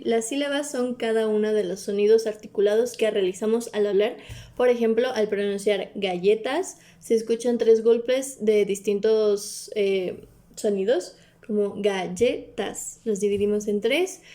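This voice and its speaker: A woman presents a class topic in a halting, read-aloud way, pausing on fillers and correcting herself often. Her voice sits a little high with a mellow, warm tone. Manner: hesitant, with fillers and self-corrections.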